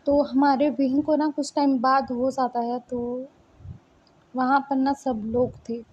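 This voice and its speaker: A woman's voice: high voice, level tone, takes it slowly, darkish tone, breathy edge. A woman retelling a story in a casual, conversational way, full of small fillers. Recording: dull lo-fi recording.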